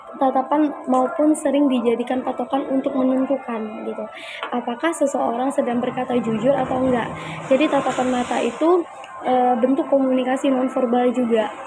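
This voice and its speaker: A young woman giving an informal class presentation, chatty and hesitant, pausing often with fillers. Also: fairly high pitch. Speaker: student presenter.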